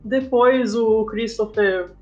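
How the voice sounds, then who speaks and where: A Brazilian woman, born in southern Brazil and raised in São Paulo, tells her own story casually as a guest in an interview; she works as a comic artist and storyboarder. Her voice is slightly high and darkish, and she speaks slowly. The recording is lo-fi, with faint music in the background.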